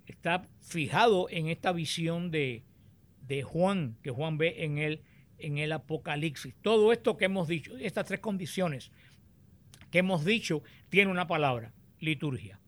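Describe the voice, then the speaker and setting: A man teaching on the Bible, explaining and reading scripture aloud in a deliberate, explanatory way. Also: fairly high pitch, lively intonation, a bit bright.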